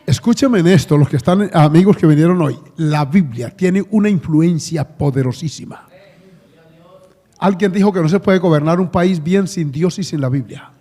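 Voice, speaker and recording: A man's voice: a little high, moderate pace, mellow. A middle-aged Colombian man preaching a sermon to his congregation, talking conversationally with asides and questions to the listeners. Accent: Colombian Spanish. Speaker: pastor. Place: church hall. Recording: long church hall reverb.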